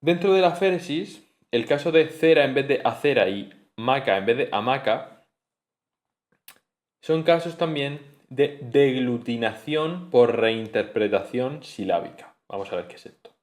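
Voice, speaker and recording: A man's voice: medium pitch, expressive, unhurried. A man giving a spoken phonetics lesson, explaining patiently and repeating sounds and example words aloud. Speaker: teacher.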